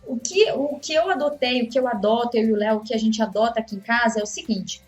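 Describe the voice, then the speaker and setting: A woman's voice: on the high side, fast, dull audio, faint music behind. A Brazilian woman teaching a course on communication in relationships, talking conversationally and acting out example dialogues. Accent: Brazilian Portuguese. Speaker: course instructor. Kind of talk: motivational talk on communication.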